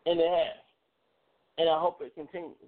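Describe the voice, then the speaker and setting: A man's voice: on the high side, little pitch movement, moderate pace. A male sports talk radio host chatting casually about the fights and college football, rambling and repeating words. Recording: phone-like narrow band.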